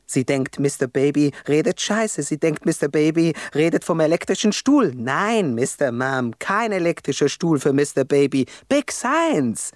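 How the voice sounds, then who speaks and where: A man's voice: fairly high pitch, very animated, a little slow, hardly any pauses, no echo, studio quality. An actor playing a young male rapper on death row, telling his story in a profane, agitated radio-play monologue. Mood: restless. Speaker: narrator of his own story.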